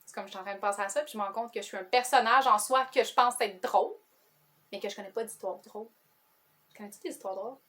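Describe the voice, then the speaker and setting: A woman's voice: medium pitch, fast talker, a bit bright. A woman with a Quebec French accent, chatting casually to camera as a book vlogger, rambling and breaking into her own asides.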